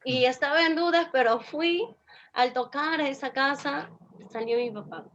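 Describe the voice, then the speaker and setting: A woman's voice: high voice, a little slow, a bit bright, muffled recording, slight background noise. A woman with a Peruvian accent giving an earnest religious personal testimony, repeating phrases for emphasis. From Peru.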